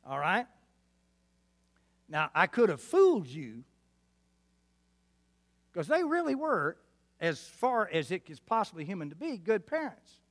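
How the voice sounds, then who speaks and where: A man's voice: high-pitched, sing-song, measured pace, long pauses. A man in his seventies preaching a sermon with a West Texas twang, folksy and emphatic, checking in with his listeners. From Arkansas, New Mexico and West Texas, United States. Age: 70s. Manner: folksy, emphatic, asks the congregation for responses. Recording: reverberant hall.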